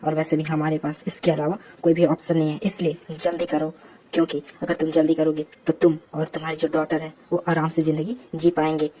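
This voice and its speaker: A firm young woman who promises to guard a child, read by a female narrator. Her voice is low, mellow and level throughout. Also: flat delivery, fairly quick, slight background noise, natural voice. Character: resolute young woman ally.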